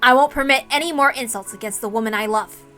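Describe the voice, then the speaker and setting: In a story reading, a woman voices an earnest, stubborn, devoted young man. The voice is bright, resolute, on the high side, and fast, declaring itself firmly over faint music.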